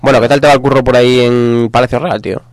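Blunt wisecracking radio co-host. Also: male voice, mid-range voice, level tone, fast talker, no echo. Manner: blunt, swears freely, wisecracking. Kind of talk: casual chat.

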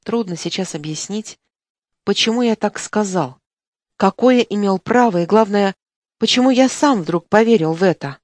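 A woman narrating an audiobook in an expressive reading style, recorded in a studio. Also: mid-range voice, moderate pace, no room sound. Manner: expressive, acts out dialogue. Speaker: audiobook reader. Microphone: studio microphone.

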